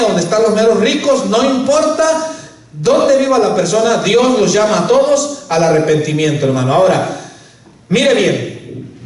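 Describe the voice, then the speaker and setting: High-voiced pastor preaching in an echoey hall. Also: male voice. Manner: preaching, keeps calling listeners "hermano". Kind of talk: sermon. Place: church. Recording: echoey church hall, voice from far off.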